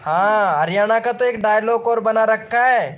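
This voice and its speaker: A strikingly high-pitched man hosts a casual live stream. He reacts to viewers' comments with excited, repetitive chatter and addresses everyone as brother. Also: measured pace, lo-fi sound, slight background noise.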